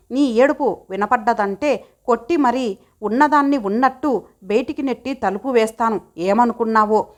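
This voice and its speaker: A woman's voice: on the high side, lightly acted. A woman voicing a stern older husband and father-in-law who scolds in curt orders in an audio story.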